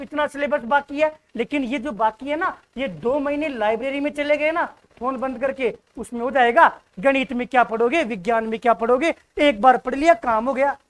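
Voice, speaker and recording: A man's voice: very high voice, a bit bright. A young man teaching an exam-prep lesson in an informal, direct, exhorting way, often repeating his points. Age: young adult. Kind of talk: informal classroom lecture.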